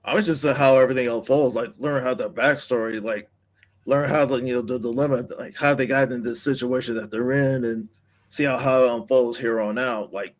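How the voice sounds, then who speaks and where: A man co-hosting a gaming podcast, talking casually and haltingly, searching for words with lots of "like". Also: medium pitch, steady tone. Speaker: podcast co-host.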